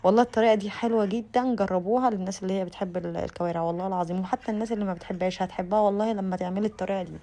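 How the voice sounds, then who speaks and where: Fast-talking Egyptian woman with gravelly fry. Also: mid-range voice, fairly even intonation, dark tone. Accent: Egyptian Arabic. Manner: chatty, addresses viewers directly, frequent restarts. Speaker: lifestyle vlogger. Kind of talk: casual voice-over narration.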